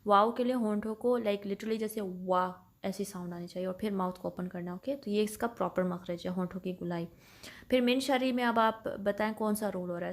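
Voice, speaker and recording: A woman teaching Quran recitation rules, explaining each sound patiently, switching between Urdu and English and reciting examples slowly. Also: medium pitch. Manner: slows and recites Arabic examples louder. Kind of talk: tajweed lesson mixing Urdu and English.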